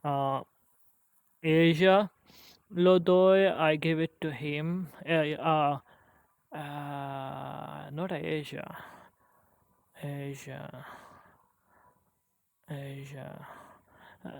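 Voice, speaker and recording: A man practicing language conjugations aloud on his own, halting and restarting often as he works through a lesson. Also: on the high side, steady tone, gravelly, no room sound. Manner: halting, with frequent restarts and hesitations. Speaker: language learner. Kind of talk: self-study language practice.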